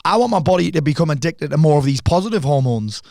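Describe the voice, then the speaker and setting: A middle-aged man talks quickly and with energy, rattling off stories with casual swearing. He is close to the mic in a dead, dry room. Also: a little high, vocal fry, no echo. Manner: animated storyteller, swears freely. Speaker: podcast guest. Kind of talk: casual conversation.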